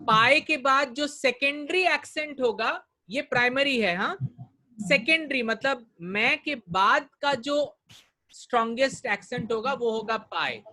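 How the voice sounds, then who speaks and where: Bright-voiced Indian English teacher, slow drilling. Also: male voice, very high voice. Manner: drills words slowly, mixing Hindi and English. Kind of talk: online spoken-English class.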